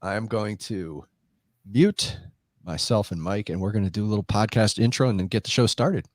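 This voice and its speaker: A podcast host with a head cold talks in a chatty, rambling way on a casual live show, often interrupting himself, his voice congested and stuffy. The pitch sits lowish and the pace is moderate. He uses a desk microphone on a live stream, and the sound is clean and studio-like with no room echo.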